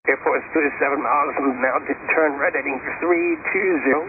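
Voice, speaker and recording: A man working as an approach controller, giving brisk procedural instructions over the radio. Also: on the high side, fairly even intonation, slight background noise. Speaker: approach air traffic controller. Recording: tinny, staticky radio transmission.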